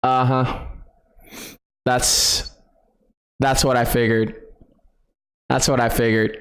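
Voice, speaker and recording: A man hosting a live gaming stream, chatting with viewers, excitable, laughing often and repeating himself. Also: medium pitch, takes it slowly. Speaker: streamer host. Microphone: desk microphone.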